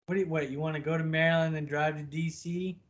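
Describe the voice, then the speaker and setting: Man, higher voice, casual podcast chat, profane banter. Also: fairly even intonation, fast, highs cut off. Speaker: podcast co-host.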